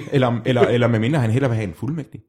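A man playing a self-styled sexologist in a comedy chat, deadpan and hesitant, stumbling over repeated words. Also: medium pitch. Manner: hesitant, halting with many restarts.

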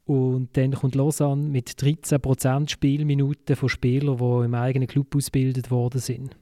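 A man with a Swiss German accent in a casual discussion, posing questions and haltingly thinking aloud. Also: mid-range voice, level tone, warm tone, no room sound, studio quality. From Switzerland, Basel. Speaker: football talk show panellist posing questions.

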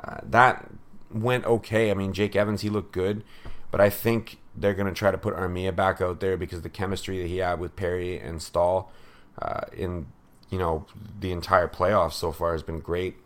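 A low-pitched man hosts a hockey breakdown show in a casual, offhand way. He gives strong opinions, drifts into sarcasm and fills pauses with ums and uhs. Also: little pitch movement. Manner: opinionated, sarcastic, with fillers and laughs. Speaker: hockey podcast host.

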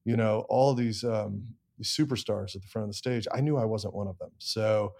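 Speaking at a moderate pace with a steady tone, this middle-aged man has a lowish, slightly mellow voice with vocal fry and an American accent. As a songwriter and producer being interviewed, he recounts his story frankly and pokes fun at himself.

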